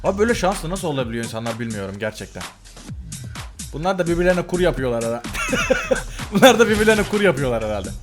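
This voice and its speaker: A man with a high, animated voice gives casual, laughing commentary over game clips, often repeating his exclamations. Loud music plays beneath his voice throughout. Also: racing. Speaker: gaming video host.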